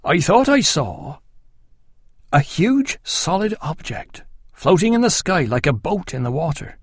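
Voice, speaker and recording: A man doing an earnest, excitable farmer. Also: on the high side, normal speed, dry recording, studio quality, pitched above the performer's own voice. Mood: awed. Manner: eager, awed, excitable. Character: earnest male farmer, a rough countryman.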